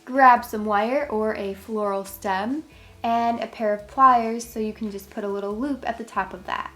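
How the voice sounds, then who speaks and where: A craft channel host gives chatty, step-by-step tutorial instructions with soft music in the background. Her voice is fairly high and fairly bright, with fairly even intonation and a moderate pace, though it sounds congested and a little worn.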